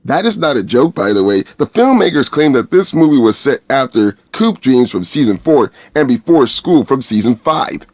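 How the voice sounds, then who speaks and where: A man's voice: mid-range voice, very animated, normal speed, few pauses. A man giving casual, sarcastic and profane commentary as a movie reviewer.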